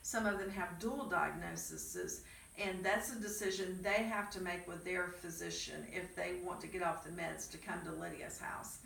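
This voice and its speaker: A woman's voice: lowish voice, fairly even intonation, normal speed, gravelly, fairly bright tone. A middle-aged woman interviewing and earnestly explaining her program's rules, recorded from a distance. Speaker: ministry program director. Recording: echoey room, mic far off, faint noise.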